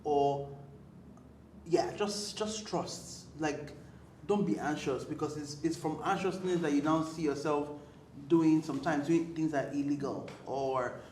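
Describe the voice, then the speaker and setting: A woman, a podcast guest telling personal stories in an animated, emotional way with frequent restarts. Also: low-pitched, a little slow. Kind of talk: candid personal conversation. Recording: roomy with faint background noise.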